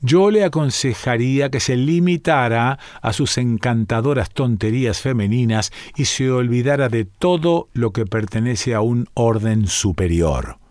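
A man's voice: mid-range voice, expressive, a little slow, hardly any pauses, darkish tone, no echo, studio quality, natural voice. A man voicing a haughty, condescending male mystic who calls himself an initiate, in a read-aloud story. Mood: lecturing. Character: scornful aloof male mystic, self-styled initiate. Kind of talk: audiobook reading.

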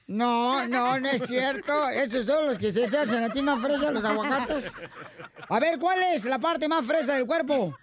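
A man's voice: very high-pitched, moderate pace, a crowd in the background. A man voicing Casimiro, a bawdy old rancher who tells jokes on a radio comedy show. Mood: joking.

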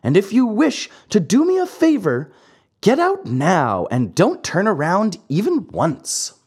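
Lady doing a bratty puppet boy, breathy, bouncy lively pitch, storybook. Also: measured pace, heavily acted. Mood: rude. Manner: impudent, rude. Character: impudent wooden puppet boy, lazy and hot-tempered.

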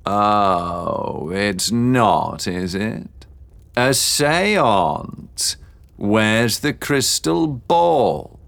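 A man voicing a smug, leering aristocratic gentleman in an audiobook, drawling and mocking. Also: lowish voice, expressive, very slow, gravelly, full character voice. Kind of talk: audiobook character voice.

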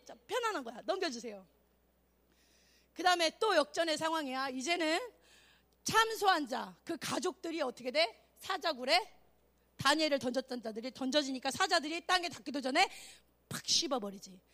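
A woman evangelist preaching at a youth camp, animated and exclamatory, calling out for responses and acting out quotes. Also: high voice, moderate pace. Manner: acts out quotes in voices.

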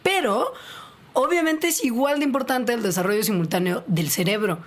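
A woman's voice: fairly high pitch, normal speed, a little hiss or hum. A woman co-hosting a casual science podcast, playful and jokey. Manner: playful, jokey, bursts into put-on voices. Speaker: podcast co-host.

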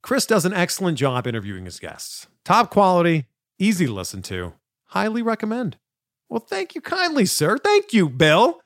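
A man from Canada hosts a podcast interview in an upbeat, chatty way. His voice sits a little high for a man and swings widely in pitch. The sound is close and dry, with no room echo. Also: moderate pace. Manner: upbeat, animated. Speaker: podcast host. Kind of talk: casual interview.

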